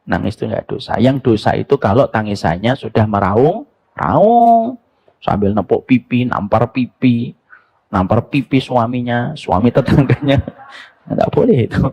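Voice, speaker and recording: Animated gravelly-voiced male preacher. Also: medium pitch, unhurried. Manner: animated storytelling, mixing jokes and rhetorical questions. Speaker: Islamic preacher. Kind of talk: sermon.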